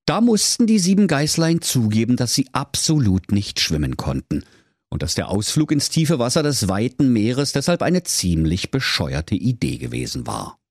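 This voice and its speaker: A man's voice: mid-range voice, normal speed, slightly rough, no room sound, studio quality. Playful male fairy-tale narrator. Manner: playful, expressive storytelling. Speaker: storyteller.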